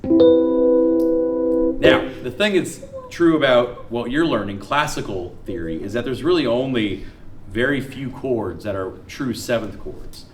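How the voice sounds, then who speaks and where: A man teaching a music theory class, quizzing students and counting notes aloud in a lively lecture. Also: mid-range voice, measured pace, recorded from a distance. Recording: roomy classroom with guitar behind.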